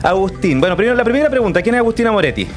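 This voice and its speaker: A man's voice: sits high, very animated, racing, faint music behind. A man co-hosting a talk show, asking the guest questions in a playful, easygoing way. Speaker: radio show co-host. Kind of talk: casual interview hosting.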